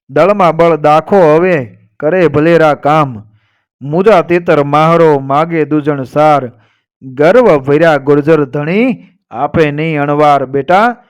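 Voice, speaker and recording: A man voicing a proud, fearless old Rajput matriarch. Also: on the high side. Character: proud older Rajput woman, fearless protector. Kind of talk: storytelling recitation.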